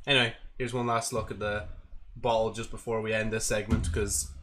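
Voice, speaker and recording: A man's voice: lowish voice, little pitch movement, brisk, fairly bright tone. A man chatting casually as a livestreamer, rambling and swearing as he goes. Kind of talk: casual chat to a livestream audience. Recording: noticeable background noise.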